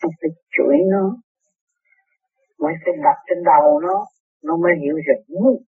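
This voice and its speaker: A man's voice: high voice, very animated, normal speed, gravelly, slightly rough, no echo. A man giving an emphatic, repetitive spiritual sermon to his followers. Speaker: spiritual teacher. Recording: tinny, dry, phone-like lo-fi recording.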